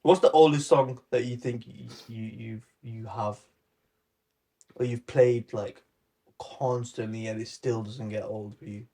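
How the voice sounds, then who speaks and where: A young man chatting on a podcast in a lively, joking way, now and then singing a line for fun. His voice sits in a middle register for a man, and the talk is loose and playful. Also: medium pitch, measured pace, slightly rough. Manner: animated, joking, breaks into sung snippets. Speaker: podcast co-host. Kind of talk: casual chat.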